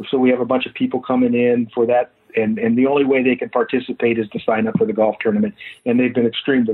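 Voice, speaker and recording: A man in his fifties, a foundation founder, speaking haltingly with many fillers as a guest in a phone-in interview. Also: medium pitch, husky. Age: 50s. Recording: tinny phone line.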